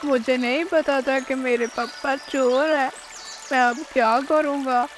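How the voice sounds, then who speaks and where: A woman's voice: on the high side, unhurried, a little hiss or hum, close to an everyday voice. A woman voicing an honest young boy bird, the son of thieves, who talks in an earnest, pleading way. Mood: earnest remorseful. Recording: faint music behind the voice.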